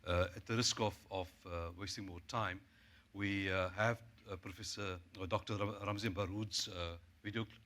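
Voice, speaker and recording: A man moderating a public talk in an auditorium, polite and unhurried, thanking a speaker and introducing the next. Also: sits low, steady tone, a bit bright.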